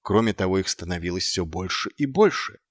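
A man narrating an audiobook with expressive storytelling. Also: low voice, brisk, no echo, clean studio sound.

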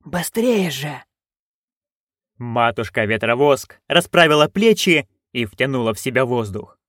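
A man narrating an audiobook in an expressive, animated way. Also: mid-range voice, moderate pace, no room sound, clean studio sound.

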